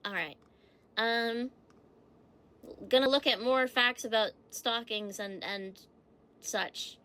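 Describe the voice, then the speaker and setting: A female streamer chats casually on her livestream, reading fun facts aloud and pausing to answer her chat with little giggles. Her slightly high voice has a sharp, bright edge, she sounds a bit stuffy from allergies, and she takes it slowly.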